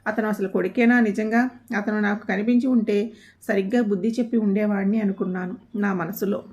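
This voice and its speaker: A woman storyteller reading a family story aloud in a steady, somber scripted narration. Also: mid-range voice, brisk. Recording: dull lo-fi audio.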